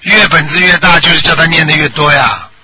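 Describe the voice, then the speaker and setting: A Buddhist master on a radio call-in show, explaining dreams to callers in plain terms and often checking whether they understood. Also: male voice, a little high, a little fast, background noise.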